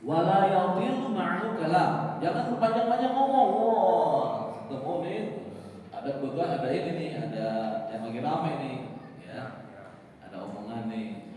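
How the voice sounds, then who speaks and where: Man, preacher, animated delivery, acts out dialogue, distant mic, very reverberant mosque hall. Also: fairly high pitch, moderate pace. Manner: lively, joking, acts out dialogue. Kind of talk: evening mosque sermon. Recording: echoey mosque hall from far off.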